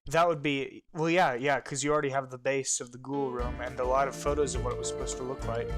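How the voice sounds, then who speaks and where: A man talks casually as he plays, wandering through his thoughts in a relaxed, chatty way. His pitch sits in an ordinary middle range. A soundtrack plays clearly beneath him. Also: quick pace. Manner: chatty, laid-back, thinking aloud. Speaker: co-host of a game playthrough. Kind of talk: casual let's play chat. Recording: music playing underneath.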